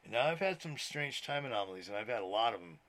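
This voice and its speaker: A man's voice: medium pitch, big pitch swings, fast talker, a bit bright. A man of sixty, a minister hosting his own podcast, talking casually from home in a chatty, meandering way, swearing now and then and often laughing. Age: 60s. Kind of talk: casual rambling monologue. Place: indoors at home, TV on. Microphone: laptop.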